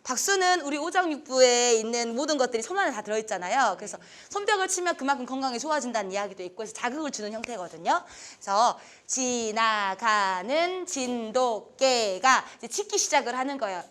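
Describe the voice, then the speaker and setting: A woman instructor leads a training session in a lecture room. Her voice sits high and sounds sharp and bright. She stays upbeat and encouraging as she coaches the group step by step. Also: expressive, quick pace, hardly any pauses. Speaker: instructor leading a training class. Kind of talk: classroom instruction with a group game. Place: lecture room with adjustable lights.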